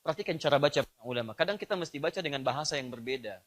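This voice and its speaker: A man with an Indonesian accent preaching a sermon, moving between emphatic raised phrases and softer explanatory asides. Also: on the high side, animated, racing.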